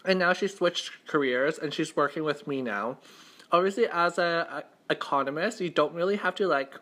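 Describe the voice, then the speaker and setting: A man's voice: on the high side, normal speed, bright, forceful tone. A young man telling a story in a casual, conversational mukbang style, circling back and rephrasing, with lots of "like". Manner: conversational, repeats and rephrases himself, heavy use of "like". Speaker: mukbang vlogger. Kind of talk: casual storytime chat while eating.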